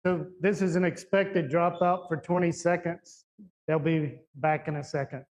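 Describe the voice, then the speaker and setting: Guy hosting a live q&a, voice a bit on the high side, informal. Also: steady tone, moderate pace, a little mellow. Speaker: event moderator. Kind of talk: informal live event moderation.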